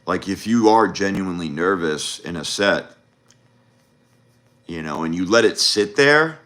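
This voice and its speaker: A man with a low, deep voice talks casually on a livestream. He rambles freely, restarting sentences and dropping in "you know" and "like" as he coaches. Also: expressive, unhurried, fairly bright tone. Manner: loose, rambling, with frequent fillers and restarts. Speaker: dating coach. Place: home livestream.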